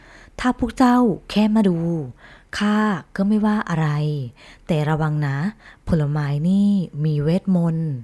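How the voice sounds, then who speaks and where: A woman voicing an old, protective but kindly magical tree in a bedtime story, speaking gravely and old-fashioned. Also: medium pitch, animated, normal speed, dark tone, natural voice. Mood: gentle.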